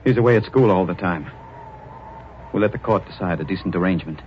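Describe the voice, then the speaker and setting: Actor doing a deep-voiced brooding sculptor, old radio drama, dull vintage sound. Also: male voice, fast, a little hiss or hum, close to an everyday voice. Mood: insistent. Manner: intense, brooding, turns threatening. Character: obsessive, menacing male sculptor, middle-aged. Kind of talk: 1940s radio acting.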